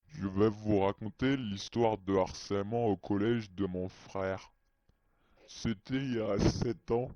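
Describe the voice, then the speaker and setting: A man's voice: fairly low pitch, steady tone, slow, dark tone, no room sound. A man whose voice is disguised with a voice changer, telling a personal story in a hesitant, childlike way. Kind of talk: halting first-person storytelling. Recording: dry, muffled lo-fi sound.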